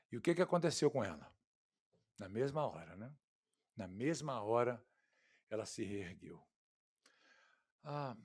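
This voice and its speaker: A man with a Brazilian Portuguese accent preaching an expository sermon, swinging from loud, emphatic lines to hushed, quiet ones and calling his listeners "queridos" and "irmãos". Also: fairly high pitch. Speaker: pastor.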